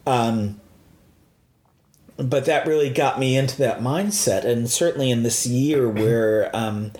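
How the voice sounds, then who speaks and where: A man's voice: medium pitch, slow pace, a little mellow. A man from the United States chatting casually as a co-host, rambling and hesitant with many fillers. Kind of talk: casual chat. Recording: roomy echo.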